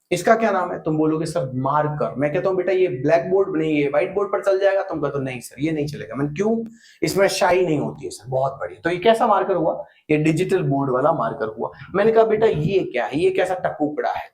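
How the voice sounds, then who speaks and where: A man's voice: sits high, roomy sound, low-quality recording. A man teaching English grammar in a classroom lecture, drilling phrases over and over and firing rhetorical questions at his students. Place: room with a digital board.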